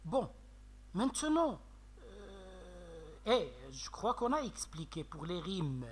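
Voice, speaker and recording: A man teaching a French literature lesson with a Moroccan French accent, explaining slowly with many fillers and checks of "d'accord?". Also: high voice, very animated, husky. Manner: slow, explanatory, frequent "euh" and "d'accord?". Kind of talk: classroom lecture on poetry analysis.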